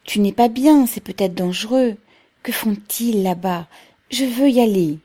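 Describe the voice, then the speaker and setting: A woman's voice: fairly low pitch, takes it slowly, warm tone. Earnest older mother, read by a woman. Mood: eager. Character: worried older working-class mother.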